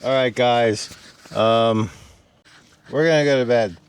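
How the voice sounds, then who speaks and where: A tired, relaxed man chatting casually to his viewers from inside a heated tent at night, rambling and stopping to talk to his dog. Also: mid-range voice, slow pace, clear, resonant tone. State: tired after a meal. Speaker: camping vlogger. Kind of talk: casual vlog chat.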